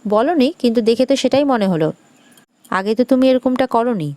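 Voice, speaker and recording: A woman's voice: fairly high pitch, normal speed, mellow, no room sound, clean studio sound, natural voice. Woman reading a sulky young man. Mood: hurt, reproachful.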